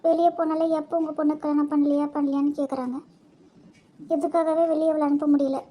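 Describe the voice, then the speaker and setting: A woman's voice: high-pitched, flat delivery, quick pace, mellow, lightly acted. A female performer as an anxious, complaining wife. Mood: distressed. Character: worried wife of a poor family. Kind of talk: amateur family skit acting.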